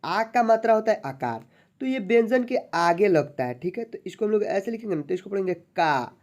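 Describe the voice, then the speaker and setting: A teacher giving an online alphabet lesson, patiently sounding out syllables slowly and often checking that viewers follow along. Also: mid-range voice, sing-song, a little mellow. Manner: addresses viewers as friends. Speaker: Hindi teacher.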